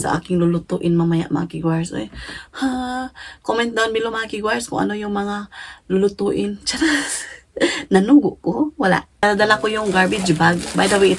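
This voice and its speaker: A woman from the Philippines, talking casually at home to her viewers, playful and quick to laugh, switching between languages. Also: medium pitch, vocal fry, a little hiss or hum. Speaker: vlogger. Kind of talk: casual vlog chat to viewers. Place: home in Japan.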